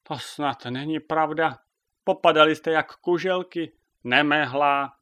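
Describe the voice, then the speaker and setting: A man's voice: mid-range voice, lively intonation, bright, forceful tone. A man playing a bossy hen drill sergeant. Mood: exasperated. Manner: barking commands.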